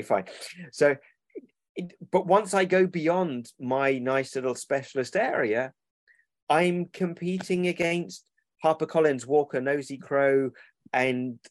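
A man's voice: medium pitch, dry recording. A man, a children's book publisher who rambles and corrects himself in a casual interview over a remote call.

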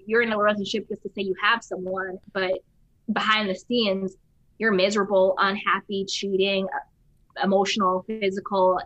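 A woman's voice: mid-range voice, pushed and bright, no echo. A woman hosting a podcast in casual conversation, talking emphatically and acting out the voices she quotes. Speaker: podcast host. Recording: slightly dull lo-fi sound.

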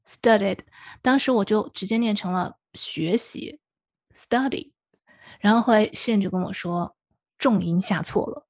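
Woman cohost, raspy with some fry, chatty and lively, asks lots of questions, dry close mic. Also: medium pitch, moderate pace, no echo. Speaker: co-host. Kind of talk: casual hosted chat.

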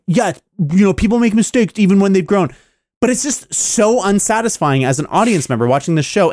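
A man's voice: sits high, darkish tone, dry recording, studio quality. A man co-hosting a podcast, ranting about a TV show with a lot of swearing. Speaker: podcast co-host. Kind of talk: casual podcast chat.

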